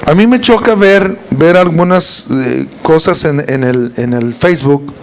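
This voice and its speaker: A man's voice: on the high side, unhurried. A man leading an informal Bible study, reading verses aloud and quizzing his listeners with rhetorical questions. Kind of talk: informal Bible teaching to a group.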